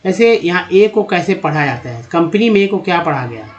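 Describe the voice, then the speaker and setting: Man, English reading teacher, slightly high-pitched, slow repeated vowel sounds, friendly address to viewers. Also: animated, highs cut off. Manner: slow, drawn-out spelling and sounding of words. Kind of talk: Hindi-language phonics lesson.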